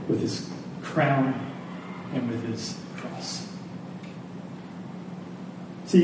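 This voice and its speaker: Before a congregation in a big echoing room, a man preaches a sermon that ends in prayer, his voice a little high and mellow. He speaks earnestly and deliberately, posing rhetorical questions and pausing with intent, captured by a distant mic with faint noise.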